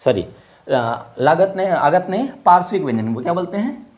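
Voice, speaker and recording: A man's voice: fairly high pitch, big pitch swings, normal speed, a little mellow. A man teaching a Hindi grammar lesson in a casual, friendly manner, asking questions and repeating words for drill. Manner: casual, friendly classroom talk. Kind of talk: online class lesson.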